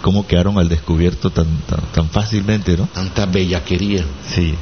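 A man's voice: deep voice, steady tone, normal speed. Male call-in radio host. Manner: brief, affirming interjections. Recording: dull radio sound with faint noise.

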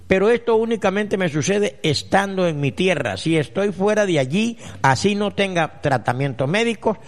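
Solemn man giving mystic advice on radio. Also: a little high. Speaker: radio spiritual advisor answering letters. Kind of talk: radio call-in letter reading and advice.

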